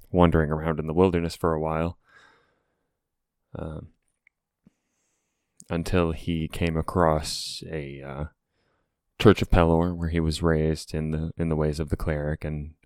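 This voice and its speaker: Very deep-voiced man, flat and halting. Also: clean tone, no echo, clean studio sound. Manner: halting, meandering delivery. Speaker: tabletop game player. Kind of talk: casual character introduction.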